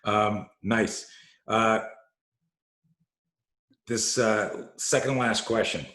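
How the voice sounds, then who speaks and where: A man's voice: on the low side, steady tone, extremely slow, a bit bright. A male podcast host asking questions in a laid-back, rambling way. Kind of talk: casual interview questions. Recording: echoey room.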